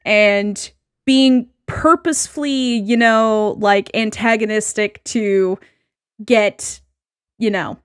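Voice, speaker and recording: Woman podcast co-host, halting casual chat, mid pitch, dry close mic. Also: steady tone, smooth, no echo. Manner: hesitant, many fillers and restarts. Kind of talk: casual podcast chat, reading posts aloud.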